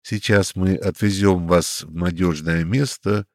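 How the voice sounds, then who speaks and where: A man doing a calm, insistent gentleman. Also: low-pitched, unhurried, no room sound, clean studio sound.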